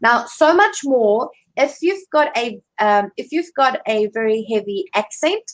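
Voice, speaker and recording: A woman's voice: a little high, lively intonation, measured pace, low-quality recording. A woman with a South African accent, a career coach giving advice on a live video call, chatty and full of fillers and restarts. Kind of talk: live online interview.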